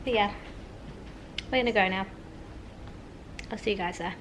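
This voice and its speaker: A woman's voice: mid-range voice, normal speed. Chatty young woman vlogging at home. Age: 20s. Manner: chatty, relaxed, peppered with "like". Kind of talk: casual vlog chat. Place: at home, indoors. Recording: noticeable room ambience noise.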